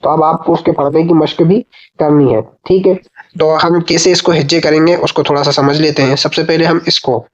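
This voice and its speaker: A man teaching reading in a recorded online lesson. He patiently spells syllables out slowly and calls his listeners brother. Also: on the high side, fairly even intonation, highs cut off.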